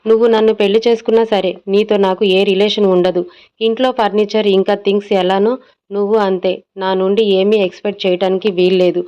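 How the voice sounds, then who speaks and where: A woman's voice: medium pitch, flat delivery, fairly quick, warm tone, close to an everyday voice. A woman voicing a blunt, dismissive young man in a dull lo-fi audio story recording. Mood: cold. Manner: curt and dismissive.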